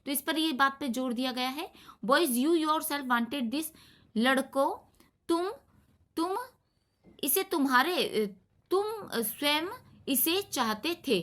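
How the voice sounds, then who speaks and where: A woman teaching an English grammar lesson, reading example sentences slowly and then explaining them step by step. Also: high-pitched, expressive, fairly bright tone.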